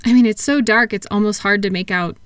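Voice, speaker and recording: A woman voices a gentle, patient therapist who soothes a client's racing thoughts in a roleplay sleep audio, speaking softly, calmly and reassuringly without hurry. Her medium-pitched voice is clean and close to everyday speech, with no room sound.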